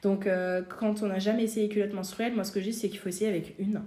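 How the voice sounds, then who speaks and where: A woman's voice: mid-range voice, flat delivery, fast, dark tone, roomy sound. A woman guest in a casual interview, explaining her craft with many fillers and restarts. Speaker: guest, seamstress and designer.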